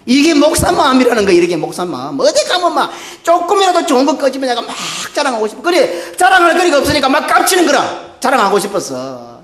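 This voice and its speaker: A male pastor with a Busan Gyeongsang accent preaching a sermon, swinging from low, earnest tones to loud, excited bursts. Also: fast talker, few pauses. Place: church sanctuary. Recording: echoey church hall.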